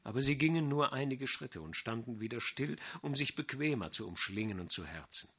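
A middle-aged man reading a classic novella aloud in measured, expressive literary narration. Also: medium pitch, husky. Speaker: audiobook narrator.

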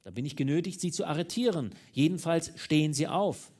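A man's voice: a little high, lively intonation, fairly quick, a little mellow, pitched above the performer's own voice. A man reading an audiobook, voicing a formal and insistent male police commissioner who questions people. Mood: stern questioning. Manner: formal, commanding.

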